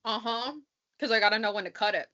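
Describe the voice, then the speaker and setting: A woman's voice: medium pitch, fairly even intonation, fast talker, pushed and bright, no room sound, lo-fi sound. A woman in her twenties co-hosting and editing a podcast, blunt and teasing, swearing casually. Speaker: podcast co-host and editor. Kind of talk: casual chat.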